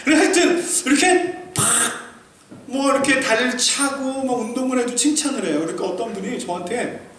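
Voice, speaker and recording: Animated Korean man preaching in an echoey hall. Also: extremely high pitch, moderate pace. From South Korea. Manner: animated preaching, rising to emphatic peaks then dropping to quiet asides; acts out quoted remarks with humor. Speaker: pastor. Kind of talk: sermon. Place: church sanctuary. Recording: echoey distant hall recording with faint noise.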